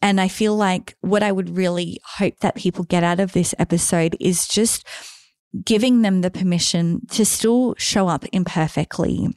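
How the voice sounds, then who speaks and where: A woman co-hosting a podcast, reflective and encouraging as she speaks. Her voice is on the low side for a woman. The sound is dry and close. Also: a little mellow, no echo. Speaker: podcast co-host. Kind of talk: casual podcast chat.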